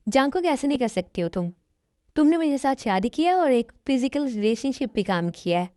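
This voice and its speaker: A woman's voice: high-pitched, very animated, normal speed, dark tone, no echo, studio quality. A woman voicing a jealous young first wife in a fan dub drama, speaking in an accusing, insistent way. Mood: pleading.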